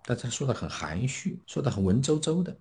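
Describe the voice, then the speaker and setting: A man delivers a Buddhist dharma talk in a storytelling manner, explaining old scripture. His pitch is average for a man, and his voice rises and falls widely as he acts out the figures he quotes. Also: brisk. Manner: storytelling, acting out quoted speakers with lively swings. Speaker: Buddhist teacher.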